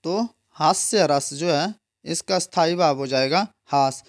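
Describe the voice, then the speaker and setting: Man, exam prep teacher, gravelly fry, rhetorical questions, step-by-step explaining. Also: on the high side, measured pace. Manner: explains step by step, keeps asking and answering his own questions.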